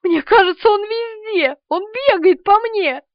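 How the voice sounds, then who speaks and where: A panicky young woman , as a woman reader puts her on, squeals in a high, swooping voice. The storybook recording is dry and a little dull. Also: very animated, a little slow, dry recording. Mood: panicked. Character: young woman terrified of insects.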